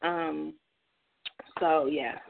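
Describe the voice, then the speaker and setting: A woman's voice: sits low, steady tone, drawn-out words, vocal fry. A woman poet calling in over the phone, talking in a hesitant, casual way with many fillers. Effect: heard over the phone. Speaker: caller, poet and creative writer. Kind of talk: casual chat. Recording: tinny phone line.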